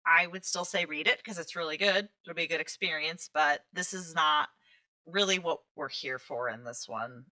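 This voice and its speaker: A woman's voice: sits low, normal speed, bright, forceful tone. A woman co-hosting a book podcast, chatting casually with many ums and restarts. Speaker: podcast co-host. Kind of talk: casual book review chat.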